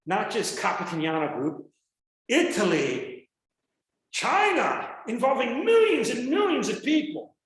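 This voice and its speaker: An American man, a university professor, giving an online lecture over a video call, acting out his examples. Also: sits high. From United States. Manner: animated, acts out examples. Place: indoors, remote class. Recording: echoey video call audio.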